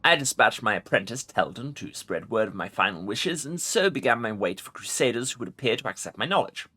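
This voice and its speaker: A man's voice: mid-range voice, lively intonation, fairly quick, bright, forceful tone. A man voicing an ancient undead lich from a fantasy game, arrogant and imperious, with pompous formal speech. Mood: grave, haughty. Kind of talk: dramatic video game role-play reading.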